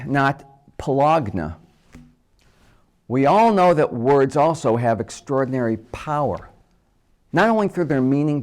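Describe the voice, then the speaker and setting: A man at a middle pitch hosts a scripted talk on the quirks of words. His delivery swings up and down with animation, and he plays with his phrasing, slowing to spell letters out for emphasis. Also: darkish tone. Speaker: host.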